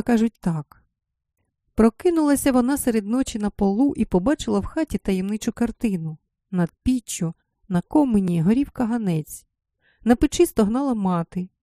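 A woman giving a solemn, expressive scripted reading of a literary story. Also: mid-range voice, no echo, clean studio sound. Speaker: narrator.

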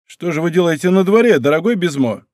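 A man voicing a bold, teasing musketeer captain who talks in a brisk, rough-affectionate way. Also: fairly high pitch, lively intonation, darkish tone, dry recording, clean studio sound, voice pushed up, lightly acted. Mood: bantering.

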